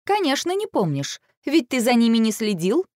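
A skeptical sparrow mother keeps her husband in check, as a woman voices her. She talks higher than the narration, with a lively, demanding lilt, in a dry close recording. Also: moderate pace, no echo.

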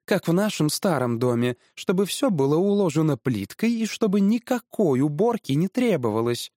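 A man voicing a fussy, excitable middle-aged mother who gushes. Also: a little high, moderate pace, no room sound, clean studio sound, voice pushed up. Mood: dismissive. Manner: fussy, gushing.

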